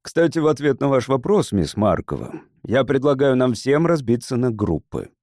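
A man's voice: medium pitch, darkish tone, no room sound, clean studio sound, close to an everyday voice. A man playing a determined English politician. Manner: measured, persuasive speechmaking.

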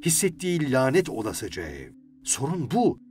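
A man's voice: mid-range voice, huge pitch swings, moderate pace, darkish tone. A man playing a passionate young sailor who talks in a pleading, sulky, jealous way, with music playing behind. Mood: urgent, jealous.

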